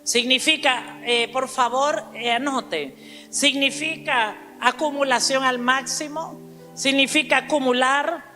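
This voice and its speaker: A woman with a high, bright voice delivers a sermon with emphatic force, calling out to the congregation and slowing down to spell out words, though her intonation stays fairly even. A stage microphone in a church hall captures her, leaving a long reverb tail over faint music.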